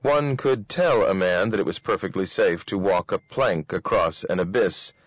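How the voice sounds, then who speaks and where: A man with a lowish voice reads a novel aloud. His delivery is steady and measured, and the recording sounds dry and close. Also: no room sound. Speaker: reader.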